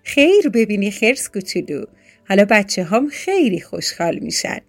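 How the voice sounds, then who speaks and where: A woman's voice: medium pitch, sing-song. A woman voicing a friendly mother squirrel in a children's story, speaking cheerfully and politely.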